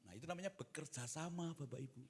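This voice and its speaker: A man preaching a sermon in church, moving between quiet talk and loud, impassioned exhortation. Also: on the high side, quick pace, husky. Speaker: pastor. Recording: reverberant church hall.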